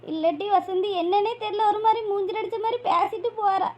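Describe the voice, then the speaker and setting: A woman's voice: very high voice, fairly quick. A woman voicing a grieving old village mother, weepy and pleading. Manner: weepy, pleading, calls listener "makkale".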